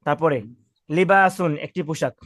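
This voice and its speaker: A man runs a classroom vocabulary drill, calling out words and patiently correcting pronunciation. His voice sits a little high for a man. The sound is close and dry. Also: moderate pace, no room sound. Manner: call-and-response, patient correcting. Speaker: Arabic teacher.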